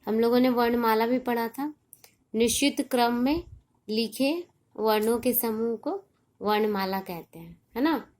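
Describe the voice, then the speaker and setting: A patient woman teacher from India speaks in a fairly high voice. She explains each point very slowly and deliberately, repeating herself and checking again and again that her young pupils follow. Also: a little mellow. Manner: slow, deliberate explaining with frequent checks for understanding. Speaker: primary school teacher. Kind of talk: recorded online class lesson.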